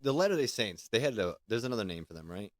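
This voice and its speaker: A man hosts a casual podcast and rambles in an easygoing way, full of fillers. His voice is fairly low. The recording is dry and close. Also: very animated, fast, no room sound. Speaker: podcast host.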